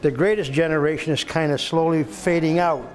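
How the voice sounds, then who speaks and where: Filming his visit to a veteran, a man from Belgium in his seventies makes easygoing, folksy conversation and comes across as agreeable. He speaks briskly in a slightly high voice with fairly even intonation.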